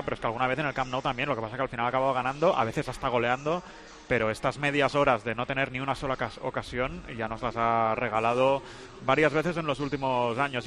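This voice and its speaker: A man giving football analysis in a radio sports talk show, measured and analytical. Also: mid-range voice, fairly bright tone, slight background noise. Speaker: football commentator.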